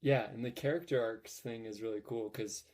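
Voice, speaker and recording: A man's voice: medium pitch, steady tone, moderate pace, a little mellow. A young man hosting a casual podcast, talking in an upbeat, rambling way with lots of fillers. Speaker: podcast host.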